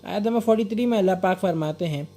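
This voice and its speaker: Male reader of scripture translation, fairly high voice, quick and informal, restarts and explains. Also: mellow. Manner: quick reading with restarts and filler sounds.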